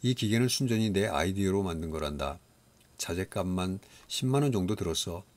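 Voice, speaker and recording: A man plays a cheerful father who talks kindly to a boy in a storybook. His deep voice stays low and easy. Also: animated, brisk, darkish tone. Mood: friendly. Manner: friendly, cheerful.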